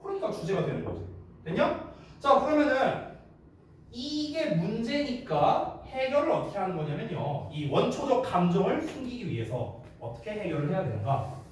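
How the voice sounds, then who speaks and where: A man teaches an exam-prep English class in a casual, teasing way, often checking whether his students are following. His voice sits high and swings widely in pitch. The sound is very echoey, with the mic set well back from him. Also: big pitch swings, normal speed, a little hiss or hum. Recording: echoey room, mic at a distance.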